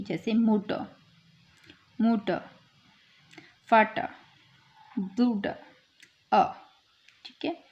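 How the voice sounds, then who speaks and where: A woman teaching German pronunciation, slowly repeating each example word several times. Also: fairly high pitch, darkish tone. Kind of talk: slow online language lesson. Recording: dull lo-fi recording.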